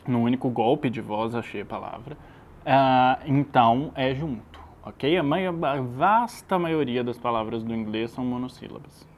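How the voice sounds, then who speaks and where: A man's voice: mid-range voice, moderate pace, slight background noise, poor audio. Patient man teaching English. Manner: patient, explanatory, frequent checking questions. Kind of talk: private lesson explanation.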